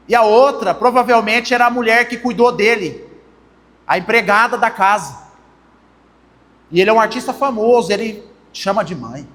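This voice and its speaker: A young man with a Brazilian Portuguese accent preaching a conversational sermon and addressing the congregation as brothers. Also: high-pitched. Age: young adult. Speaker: pastor. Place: church hall. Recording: long church hall reverb.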